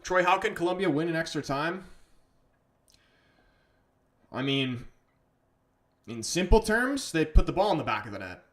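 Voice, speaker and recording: An English livestream host from England chats casually through a football match and reads viewer comments aloud. His voice is a little high and sing-song, a bit bright, and somewhat slow, with frequent pauses.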